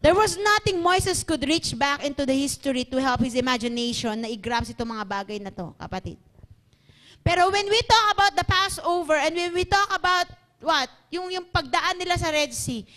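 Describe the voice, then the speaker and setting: A woman's voice: high-pitched, moderate pace, a bit bright. A woman preacher delivering a sermon, mixing English into her preaching and building to fervent repeated refrains. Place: church.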